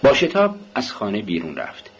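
A man narrating an audiobook in a dramatic, expressive style. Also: fairly low pitch, breathy edge. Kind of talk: scripted narration. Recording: dull lo-fi recording with faint hiss.

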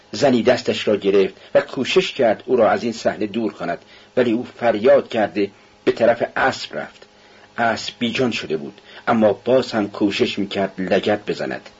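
Husky male audiobook narrator. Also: on the low side. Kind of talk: scripted narration of a novel. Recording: dull, muffled recording.

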